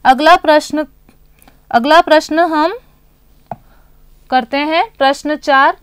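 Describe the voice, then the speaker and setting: A woman with a high voice teaches young children, recorded close up in a dry space. She poses simple questions and answers them herself. She stretches words out slowly so the class can follow. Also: dry recording.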